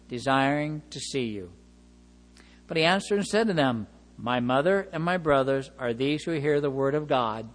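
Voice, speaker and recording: A man preaching a sermon, reading scripture aloud and explaining it with expressive emphasis. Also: a little high. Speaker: pastor. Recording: long hall reverb.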